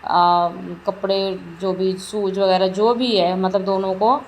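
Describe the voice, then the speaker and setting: A woman's voice: mid-range voice, little pitch movement, slow, rough recording. A middle-aged woman narrating a shopping trip in a casual vlog, rambling and repeating herself as she talks. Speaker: vlogger. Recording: faint background noise.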